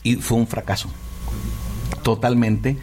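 A man, a pastor co-hosting a radio conversation, speaking earnestly and filling pauses with "eh". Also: medium pitch, level tone, noisy background. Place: radio studio. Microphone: studio microphone.

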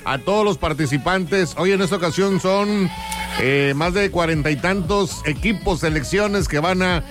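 High-pitched northern Mexican radio showman over music. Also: moderate pace. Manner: folksy, slangy, addresses listeners as a crowd. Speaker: radio host. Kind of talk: live morning radio show patter. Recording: music bed behind the voice.

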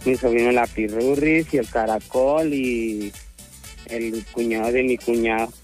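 A woman's voice: very deep voice, fairly even intonation, a little slow, a little mellow, soft background music. A woman, calling into a radio show, joking and rambling in a folksy way. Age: 70s. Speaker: radio caller. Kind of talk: casual phone-in chat.

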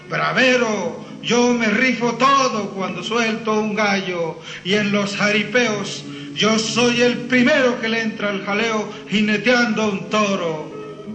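A man from Mexico's Costa Chica with a coastal Mexican accent, reciting a long poem in a solemn, sing-song declamatory style. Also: high voice. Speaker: poet reciting. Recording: roomy, dull lo-fi recording with music. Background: music playing.

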